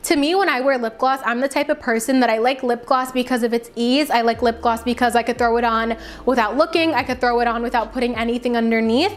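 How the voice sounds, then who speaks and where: This fairly high-voiced woman talks fast with fairly even intonation as she reviews beauty products to camera in a relaxed, chatty manner. She punches certain words for emphasis, and her voice has a slight raspy weariness from extended talking.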